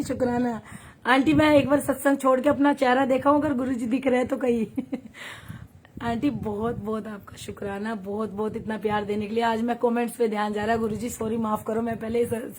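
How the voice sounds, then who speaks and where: A woman's voice: a little high, a little hiss or hum. A woman from Haryana leading a devotional satsang on a phone livestream, telling a story and chatting with viewers, often laughing. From Haryana, India. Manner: chatty, warm, laughs often, reads viewer comments aloud. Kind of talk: devotional storytelling and live chat.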